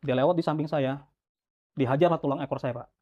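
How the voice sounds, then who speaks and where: A man recounting his detention in an interview, earnest and halting, with many restarts. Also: fairly high pitch, fairly even intonation, darkish tone, highs cut off. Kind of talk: emotional testimony.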